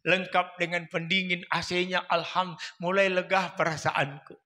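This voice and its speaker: A man's voice: high-pitched, flat delivery, normal speed, pushed and bright. A man in his fifties with a Makassar accent, giving a humorous sermon and acting out family stories. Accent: Makassar Indonesian. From South Sulawesi, Indonesia. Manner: storytelling, swaps into voices of mother and father. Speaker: preacher. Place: mosque hall. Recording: echoey mosque hall.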